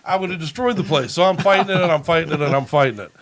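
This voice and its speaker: A man's voice: on the high side, rapid-fire, a crowd in the background, poor audio. A man hosting a podcast, telling a long profane story in a rambling, laughing way. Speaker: podcast host. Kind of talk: casual storytelling.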